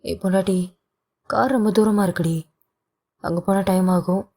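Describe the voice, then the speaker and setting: A woman's voice: medium pitch, steady tone, normal speed, warm tone, lightly acted. A woman voicing a bossy but tender young husband in a romance audio novel, with a blunt, scolding delivery.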